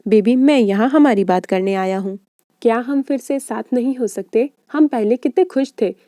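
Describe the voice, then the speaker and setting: A tender, lovesick young man begging his ex to return, as a woman reads him. The voice is higher than his type and mellow, with a dry sound. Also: moderate pace, no echo, lightly acted.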